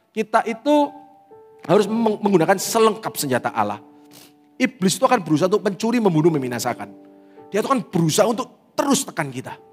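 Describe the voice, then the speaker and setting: A man's voice: fairly high pitch, slightly rough. A man preaching a sermon with an Indonesian accent, acting out tearful prayers as he teaches. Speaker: pastor. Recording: reverberant hall with faint music.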